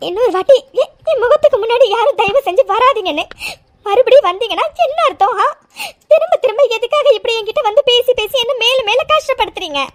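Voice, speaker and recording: A performer voicing a hurt, crying young woman in a cartoon, pleading again and again in a very high voice. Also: quick pace, a bit bright. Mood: tearful, pleading. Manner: pleading, tearful, repeats herself. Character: hurt young woman rejecting her birth mother. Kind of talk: cartoon voice acting.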